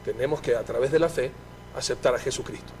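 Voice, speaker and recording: A man's voice: medium pitch, fast, darkish tone, slight background noise. Fervent male interviewer. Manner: fervent, preacher-like. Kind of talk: faith interview.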